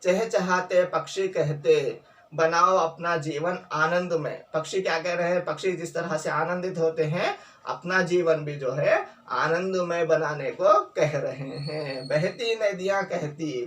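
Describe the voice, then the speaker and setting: A man's voice: fairly high pitch, fairly bright tone, recorded from a distance. A man teaching a school Hindi grammar lesson, repeating each word and answering his own questions, with English terms mixed in. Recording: roomy echo, voice off-mic.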